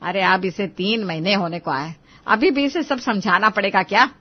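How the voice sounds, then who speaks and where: A woman voicing a quick-tempered older mother-in-law in a cartoon story, sharp and scolding. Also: mid-range voice, highs cut off, natural voice. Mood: grumbling.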